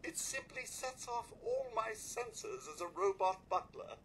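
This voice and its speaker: A polite robot butler, with a high, sharp voice that leaps all over the place. His speech is formal and courteous, and he is loyal and cheerful. A video game character with a faint hiss behind him. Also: wildly swooping pitch, unhurried, full character voice. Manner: formal, courteous, addresses listener as sir.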